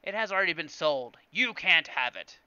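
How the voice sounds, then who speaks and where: A man voicing a gruff, greedy male alien junk dealer who talks loud and pushy while he haggles. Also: fairly high pitch, animated, normal speed, no echo, dull audio. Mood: haggling.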